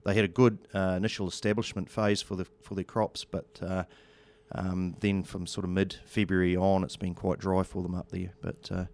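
A New Zealand man speaking as a studio guest in a casual radio interview, with halting, understated, colloquial delivery. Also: low voice, little pitch movement, a little mellow. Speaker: studio guest, agricultural seed company representative.

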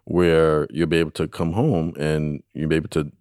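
A man with a very low voice gives conversational advice like a coach. He is encouraging and emphatic, repeating phrases and leaving pauses. The sound is close and dry. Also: little pitch movement, darkish tone, no echo. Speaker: expert guest answering listener questions.

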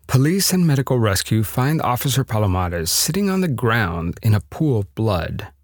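A man's voice: medium pitch, big pitch swings, moderate pace, dry recording, clean studio sound. A man narrating a scripted true-story podcast with a dramatic storytelling delivery.

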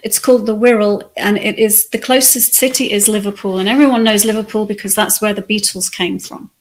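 A woman from England, reflecting on her life as an interview guest in a soft, thoughtful way. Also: medium pitch, fairly even intonation, brisk. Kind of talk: conversational interview.

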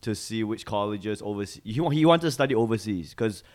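A man's voice: lowish voice, animated, a little fast, a little mellow. A man in his thirties from Malaysia, a guest comedian telling his life story in a casual podcast interview, rambling with many fillers and restarts.

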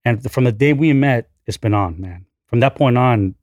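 A man's voice: mid-range voice, normal speed, darkish tone, no echo, muffled recording. A man interview guest who speaks brashly and with great enthusiasm. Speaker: podcast guest, entrepreneur. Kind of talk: candid interview conversation.

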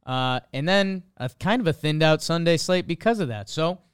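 A man's voice: on the high side, animated, normal speed, clean tone, no echo, clean studio sound. A man hosting a sports show in a casual, chatty style. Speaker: sports podcast host. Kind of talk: casual sports betting chat.

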